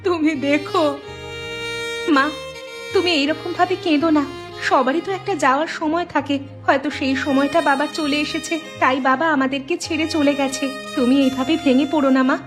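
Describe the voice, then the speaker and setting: A woman's voice: sits high, fairly even intonation, fairly quick, natural voice. A woman voicing an earnest younger daughter. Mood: pleading. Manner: earnest, pleading. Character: earnest younger daughter, gentle and anxious girl. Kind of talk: cartoon story voice acting. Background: background music.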